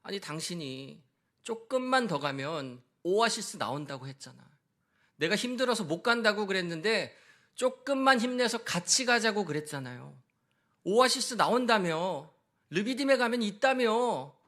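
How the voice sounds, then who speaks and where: A man voicing an angry Israelite in the desert, shouting accusations in an indignant tone. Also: high voice, sing-song, moderate pace, pitched above the performer's own voice, exaggerated voice.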